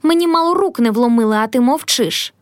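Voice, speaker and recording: A shrill, spiteful noblewoman, as a woman narrator puts her on, voice leaping high and low in sharp outrage. The sound is close and dry, with no room around it. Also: big pitch swings, fast, no echo. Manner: shrieking, indignant. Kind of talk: audiobook character reading.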